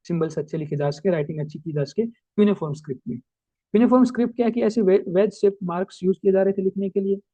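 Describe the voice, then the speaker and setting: Guy teacher explaining a history chapter, mixes in english words, reads points slow, mellow voice, dry room. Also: sits high, no room sound, low-quality recording. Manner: explains in Hindi mixed with English terms, reads English points slowly. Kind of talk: recorded class lecture.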